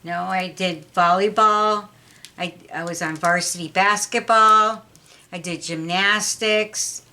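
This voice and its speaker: A middle-aged woman answering her son's questions in an unhurried, plain, matter-of-fact way. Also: mid-range voice, steady tone, sharp tone. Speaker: interview guest, mother of the host. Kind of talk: casual family interview.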